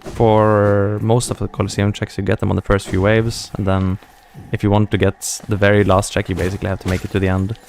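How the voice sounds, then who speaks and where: A man's voice: fairly low pitch, level tone, a little fast, creaky, a little mellow, a little hiss or hum. A man from Scandinavia thinking aloud and chatting casually as he plays a game, answering chat comments as he goes. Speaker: gaming streamer.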